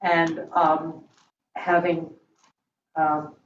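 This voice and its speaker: A woman board member explaining her view at a meeting in a hesitant, halting, measured way. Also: low-pitched, flat delivery. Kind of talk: deliberative meeting discussion. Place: indoor meeting room around a large table. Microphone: far room mic on a video call. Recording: echoey room, distant mic, dull, faint noise.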